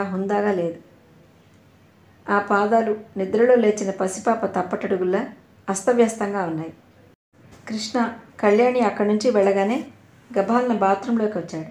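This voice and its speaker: A woman narrating a novel in a steady storytelling manner. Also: medium pitch. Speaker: audiobook narrator. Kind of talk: novel reading. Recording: roomy echo.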